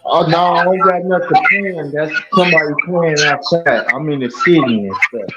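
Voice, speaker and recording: A man with a slightly high voice calls in on a phone, sounding muffled as if through a wall. The line is dull and lo-fi, with loud music from outside. He talks in short, easygoing questions. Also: moderate pace, heavy background noise. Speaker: call-in guest. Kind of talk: casual chat. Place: city apartment, music playing outside.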